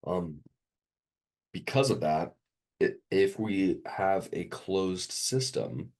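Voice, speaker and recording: Man, very low voice, sniffly from being ill, hesitant tutor, lots of ums. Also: animated, slow, a little mellow. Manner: hesitant, many ums, quizzing the student. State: sick and sniffly. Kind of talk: one-on-one tutoring session.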